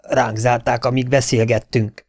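A man voicing a gruff, impatient middle-aged sheriff in an audiobook. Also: mid-range voice, level tone, no room sound, studio quality, natural voice. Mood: urgent. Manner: grumbling, impatient. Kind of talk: audiobook dialogue.

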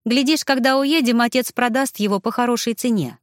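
Female audiobook narrator, measured and even, dry close-mic read. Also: fairly high pitch, no room sound. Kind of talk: first-person fiction narration.

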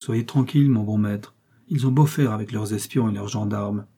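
A man's voice: fairly low pitch, normal speed, mellow, husky. A man reading the part of a devoted, emotional farmer who speaks effusively to his master. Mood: eager. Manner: tearful, effusive. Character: emotional devoted male farmer, loyal servant.

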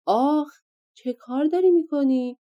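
A woman's voice: medium pitch, expressive, muffled recording, natural voice. A woman voicing an irritable male giant ogre in a storybook reading. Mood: angry. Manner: shouting, irritable.

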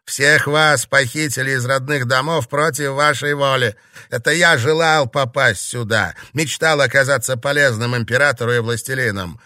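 A man's voice: mid-range voice, lively intonation, quick pace, hardly any pauses, sharp tone, no room sound, clean studio sound. A man voicing an arrogant, hostile teenage boy with glass-scaled skin, sneering and threatening. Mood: scornful.

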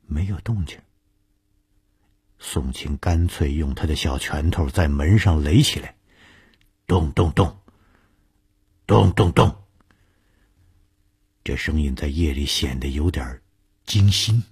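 A man reads a suspense serial in a very low, husky voice, taking his time. The sound is dry and close, with no room behind him. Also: measured pace, darkish tone, no room sound. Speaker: storyteller. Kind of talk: radio serial story reading.

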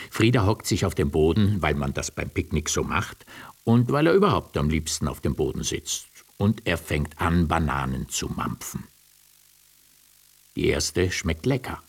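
A man narrating a children's radio story in an expressive storytelling manner. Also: low-pitched, breathy edge.

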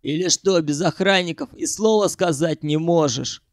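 A man's voice: fairly high pitch, moderate pace, no room sound, studio quality, close to an everyday voice. A man doing a crude, hot-headed sewer hunter. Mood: scornful. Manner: coarse, mocking, swears freely.

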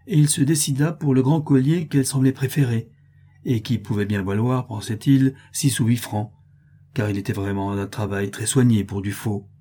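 A man narrating a classic tale in a measured, steady reading voice. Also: mid-range voice, husky.

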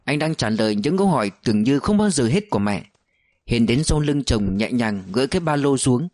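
A man narrating a novel as an audiobook, with steady storytelling delivery. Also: mid-range voice, brisk, no echo.

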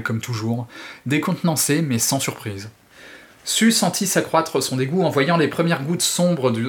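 A male podcast host reading a passage from a novel aloud in a steady, measured way. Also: mid-range voice.

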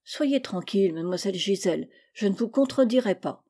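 A put-upon maid, put on by a woman reader, grumbles to herself in a mellow voice. It is a plain storybook reading. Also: mid-range voice, expressive, a little fast, slightly rough. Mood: polite.

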